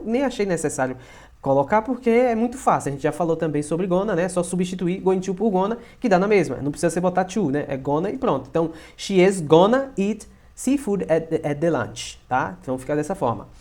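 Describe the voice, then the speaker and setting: A man with a Brazilian Portuguese accent, an English teacher explaining grammar casually, often adding little tag questions and slowing down for example sentences. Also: sits high, darkish tone.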